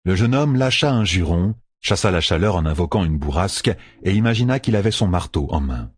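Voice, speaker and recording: A man with a husky voice narrating an audiobook with expressive storytelling. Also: sits low, a little fast, no room sound. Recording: dry close recording.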